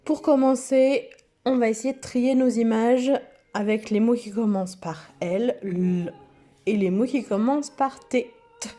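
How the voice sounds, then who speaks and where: A woman teaching preschool children, speaking slowly and stretching out each word and letter sound. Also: fairly high pitch, dark tone. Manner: slow, sing-song, stretches out words and letter sounds. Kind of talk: slow lesson for young children.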